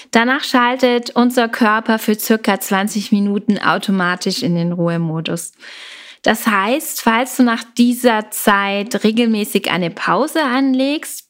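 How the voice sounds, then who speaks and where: A woman coaching the listener on taking breaks, informal and encouraging, speaking directly to "you". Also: mid-range voice. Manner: friendly explanatory tone. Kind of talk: advice video on stress and breaks.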